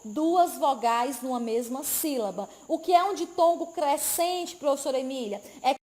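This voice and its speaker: High-voiced woman teaching. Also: normal speed, a little mellow. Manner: didactic, frequent tag questions, emphatic repetition. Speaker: Portuguese teacher. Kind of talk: live online exam-prep class.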